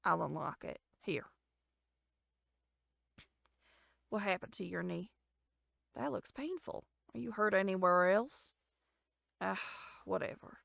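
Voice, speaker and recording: Woman voicing a menacing young man, game voice acting, low quiet voice, gravelly, dry close mic. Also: a little slow, no room sound. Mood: cold, commanding. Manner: cold, possessive and threatening.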